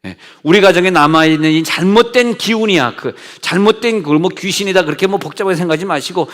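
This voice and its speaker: Middle-aged pastor guy preaching, chatty, kinda high voice, big echoey church. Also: fast talker. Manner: conversational preaching, switches between shouting commands and hushed asides. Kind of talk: sermon. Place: church sanctuary. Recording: long church reverb.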